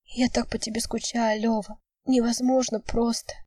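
A woman's voice: a little high, steady tone, normal speed, mellow, no echo, voice pushed up, natural voice. A woman voicing a tearful young woman pleading with her lover in an audiobook.

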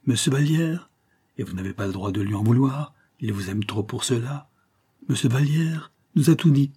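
A man's voice: mid-range voice, lively intonation, moderate pace, warm tone, slightly rough. A man voicing an ardent, courteous young nobleman in an audiobook, speaking earnestly and fervently. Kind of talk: audiobook character voice.

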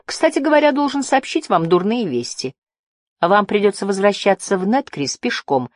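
A woman voices a sly, cheerful male merchant who is glib and mock-friendly. She speaks at normal speed in a mid-range voice with lively intonation, pitched above her own but close to an everyday voice. The recording is studio quality with no room sound.

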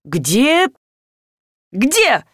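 A woman's voice: high-pitched, wildly swooping pitch, extremely slow, slightly rough, no echo, clean studio sound, pitched above the performer's own voice, exaggerated voice. A woman voicing a furious, bossy wealthy father who barks orders at his household, in an audiobook. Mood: raging, commanding. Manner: shouting, barking orders. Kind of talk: audiobook character voice.

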